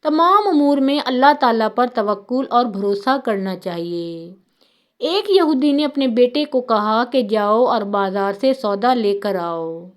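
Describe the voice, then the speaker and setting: A woman narrating religious stories in a calm, measured, scripted way. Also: on the high side. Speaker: storyteller.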